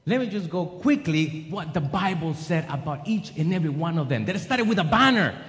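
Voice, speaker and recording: A man's voice: on the high side, very animated, brisk, a bit bright. A man preaching a sermon with an emphatic, rising and falling cadence. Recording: long hall reverb.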